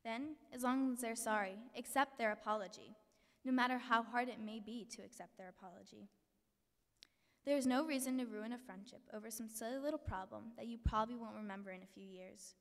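A woman's voice: a little high, a little fast. A teenage girl, a middle-school student, giving an earnest prepared speech at a podium in a school hall, reading from notes with small slips. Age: teens. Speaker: student speaker. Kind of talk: prepared speech read aloud. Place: large school hall with an audience. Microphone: podium mic, filmed from the back of the hall. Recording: long hall reverb, distant camera.

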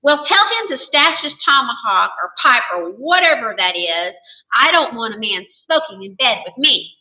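A woman's voice: on the high side, sing-song, moderate pace, echoey room. A woman doing an indignant young sailor. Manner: indignant, raised voice. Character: alarmed young male sailor, excitable. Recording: tinny phone-like, distant.

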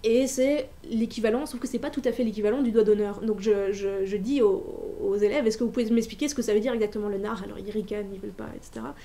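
A woman's voice: medium pitch, steady tone, quick pace, hardly any pauses, warm tone. A woman gives an informal talk as an author presenting a workshop, chatty and hesitant, with frequent restarts and filler sounds. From Belgium.

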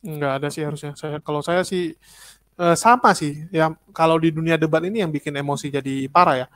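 A man's voice: fairly high pitch, steady tone, fairly quick, fairly bright tone. A man, a guest in a casual interview, talking animatedly and repeating words insistently.

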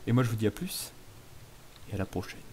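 A man's voice: on the low side, animated, fairly quick, a little mellow, a little hiss or hum. A man casually commentating a video game, playful and self-mocking as he chats with viewers. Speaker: gaming YouTuber. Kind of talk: casual let's play commentary.

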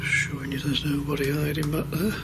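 A man's voice: fairly high pitch, flat delivery, brisk. A man investigating the paranormal, politely calling out to a spirit and sometimes dropping to a whisper. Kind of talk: calling out during a ghost-hunting vigil. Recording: noisy night-vision field recording.

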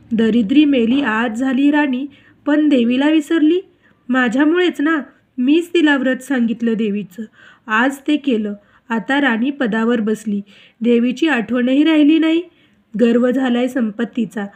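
A woman reading an old beggar woman in a devotional storybook, stern and bitter, lecturing with a scolding edge. The voice sits high for a woman, with little put-on change from the reader's own. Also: a little mellow, close to an everyday voice.

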